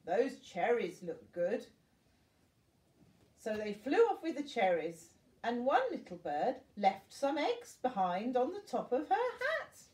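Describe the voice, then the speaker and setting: Very animated yet slow, her slightly high, somewhat mellow voice carries an older woman's bedtime storybook reading to young children, complete with little asides, just like a grandmother. It's captured at a distance with a roomy echo.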